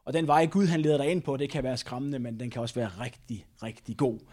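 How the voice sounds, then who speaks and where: A man's voice: mid-range voice, a little mellow. A man preaching a sermon, telling a personal story and retelling a Bible passage with many repetitions and tag questions.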